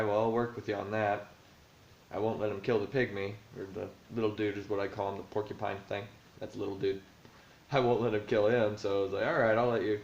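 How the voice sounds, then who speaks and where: Recorded in a room at home with a roomy, dull lo-fi sound and slight background noise, this lowish-voiced man rambles about the campaign he runs as dungeon master. His casual vlog is full of fillers as he thinks out loud.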